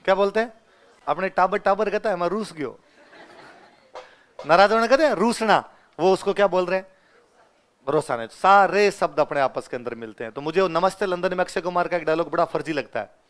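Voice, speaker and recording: Give me an animated Rajasthani-accented male teacher. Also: high-pitched, fairly quick. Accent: Rajasthani Hindi, Ganganagar area. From Rajasthan, India. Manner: animated storytelling, acts out dialogue, laughs often. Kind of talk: classroom lecture with anecdotes.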